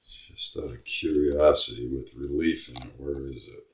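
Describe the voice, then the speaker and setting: A man's voice: extremely low pitch, fairly even intonation, normal speed, sharp tone, recorded from a distance, dull audio. A man repairing a guitar at his workbench, muttering to himself and grumbling as he works. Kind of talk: workbench commentary. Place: workshop bench. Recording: echoey room, voice off-mic.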